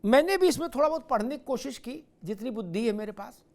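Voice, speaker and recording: Male TV debate moderator with a high voice; needles the panel with sarcastic, pointed questions. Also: animated, fast talker. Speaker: news debate anchor.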